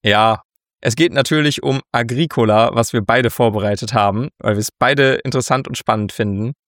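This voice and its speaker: A man co-hosting a casual board game news podcast, relaxed and chatty, laughing often. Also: mid-range voice, fairly quick, dry recording, clean studio sound. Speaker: podcast co-host.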